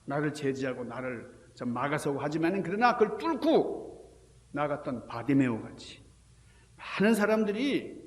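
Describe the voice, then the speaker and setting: Brief: male pastor preaching, animated storytelling, slightly high voice, roomy sanctuary sound. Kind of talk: Sunday sermon. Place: church sanctuary. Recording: echoey church hall reverb.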